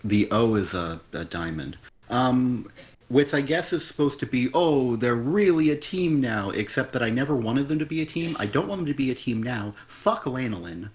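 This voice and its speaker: A man's voice: medium pitch, animated, normal speed. A man co-hosting a casual comic review chat, blunt and exasperated, swearing often. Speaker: podcast co-host.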